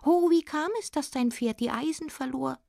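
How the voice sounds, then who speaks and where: A tiny, cheerful goblin smith from a fairy tale, as a woman reader puts him on, with a high, drawn-out voice. He lingers on each word. The recording is close and dry. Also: creaky, dark tone, no room sound.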